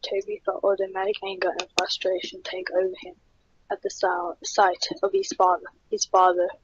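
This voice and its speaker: A woman narrating a horror story in a plain, steady reading voice. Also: mid-range voice, moderate pace, gravelly, background noise. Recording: dull lo-fi.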